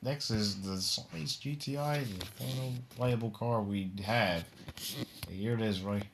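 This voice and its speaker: A man's voice: fairly low pitch, unhurried, creaky, noisy background. A man casually running through the cars of a video game, rambling and often breaking into giggles.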